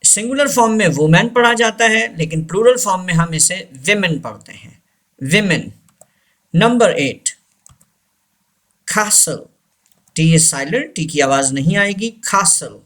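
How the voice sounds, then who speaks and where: A man teaching English pronunciation, saying each word slowly and deliberately and repeating it for the learner to copy. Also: high voice, expressive, fairly bright tone. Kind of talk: pronunciation lesson with drilled repetition.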